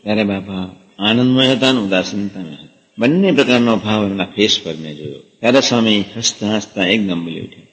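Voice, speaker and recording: A man's voice: on the low side, fairly quick, fairly bright tone. A man giving a sermon, telling a personal story in an earnest, emphatic way and repeating key words for stress. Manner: drops English words into his talk. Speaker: spiritual teacher giving a discourse. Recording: long reverb of a large hall.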